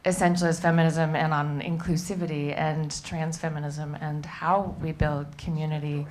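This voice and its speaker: A woman's voice: deep voice, flat delivery, moderate pace, darkish tone. A woman from the audience asking a panel a question, nervous with a shaky voice. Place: museum event room.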